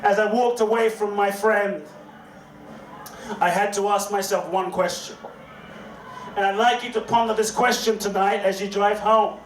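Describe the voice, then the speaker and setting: A man giving an inspirational speech to a live audience, slow and dramatic, repeating his questions and leading call-and-response. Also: sits high, fairly even intonation. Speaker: inspirational speaker. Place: event hall. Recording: echoey hall, distant mic, faint noise.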